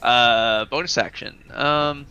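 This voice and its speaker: A man's voice: mid-range voice, steady tone, slow pace, pushed and bright, clean tone, soft background music, rough recording. A man playing a tabletop game, chatting casually with lots of fillers and giggles.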